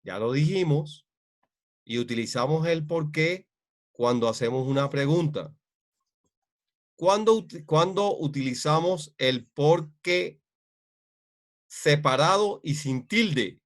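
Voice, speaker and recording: A man teaching an online grammar class speaks haltingly, with many fillers and repeated checks for understanding. His voice is a little high and animated.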